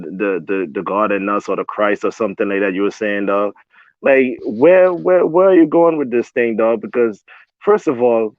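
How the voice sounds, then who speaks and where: On a tinny, phone-like line with no room sound, a man with a mid-range voice argues emphatically in a heated panel debate. He repeats words and says "bro" often.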